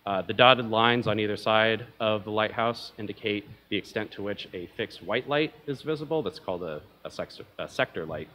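A young man speaks from a lectern at a conference, his voice sitting a little low. He talks casually and a bit self-deprecatingly, with plenty of ums and uhs as he explains his slides. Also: brisk, hardly any pauses, sharp tone. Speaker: conference presenter. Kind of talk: academic conference talk.

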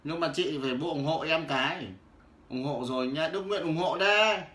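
Man, livestream seller, loud teasing patter, very bright tone, roomy echo. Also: fairly high pitch, moderate pace. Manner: loud, teasing, hawking goods to viewers by name. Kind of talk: casual livestream sales patter. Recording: roomy with faint background noise.

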